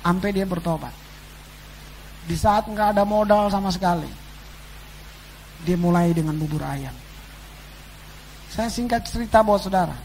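A man preaching a sermon to his congregation, swinging between loud exclamations and quiet asides. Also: high-pitched, rough recording. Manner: addresses the congregation as "saudara". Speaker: pastor. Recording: faint background noise and hum.

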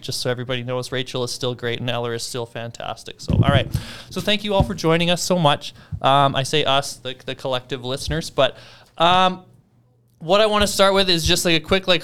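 Bright, crisp-voiced male interview host. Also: on the high side. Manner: rambling, talkative, many fillers. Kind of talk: casual interview.

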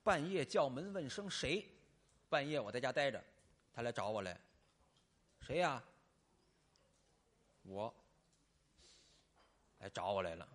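A man performing a staged comic crosstalk dialogue on stage, teasing and bargaining in animated banter. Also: medium pitch, a little slow, pauses often. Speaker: crosstalk comedian.

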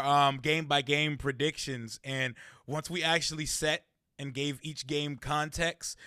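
A man in his late twenties chatting casually about sports, animated, laughing often and swearing now and then. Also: on the high side, clear, resonant tone, no room sound, clean studio sound. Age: 20s.

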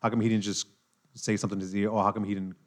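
A man from New York talks through a podcast conversation in a lowish voice. He is animated and loose, circling back on his points with fillers and tag questions. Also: very fast. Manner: animated, talks with hand-wavy fillers and repeats himself. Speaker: podcast host. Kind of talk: casual chat.

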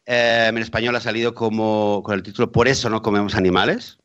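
A man hosting a radio show, chatting in a relaxed way with lots of hesitant fillers. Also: fairly low pitch, brisk. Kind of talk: casual radio chat. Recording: dull lo-fi sound.

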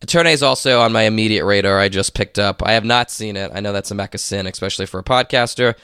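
A man's voice: fairly low pitch, fast talker, pushed and bright, clear, resonant tone, dry recording, clean studio sound. Stuffy-nosed man hosting a podcast. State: congested, slightly under the weather. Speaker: podcast host. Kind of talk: casual podcast chat and episode recap.

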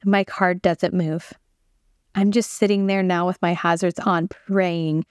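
A woman's voice: fairly low pitch, flat delivery, slow pace, smooth, no room sound, studio quality. A woman hosting a podcast, telling a personal faith testimony in an earnest, conversational way and speaking straight to her listeners. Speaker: podcast host sharing a testimony.

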